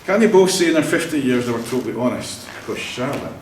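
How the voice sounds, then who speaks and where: A man's voice: mid-range voice, expressive, fast, slight background noise. A Scottish man leading a vow renewal ceremony, telling family stories in a jovial way and laughing often. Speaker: wedding celebrant. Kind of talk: ceremony speech with anecdotes. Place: church hall. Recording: echoey room, mic at a distance.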